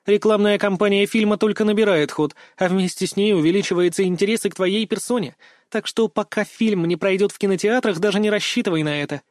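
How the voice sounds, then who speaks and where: A bubbly, teasing teenage schoolgirl, as a male narrator puts her on, lifted high above his own voice. She fires off questions in a bright, playful rush. The recording is close and dry. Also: dry recording, close to an everyday voice. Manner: teasing, rapid-fire questions. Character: chatty cheeky teenage schoolgirl.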